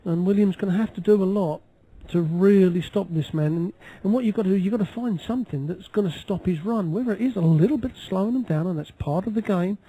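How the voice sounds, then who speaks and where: A man's voice: sits high, fast talker, dark tone, slight background noise, low-quality recording. A man giving live darts commentary as an analyst, explaining play in a conversational way.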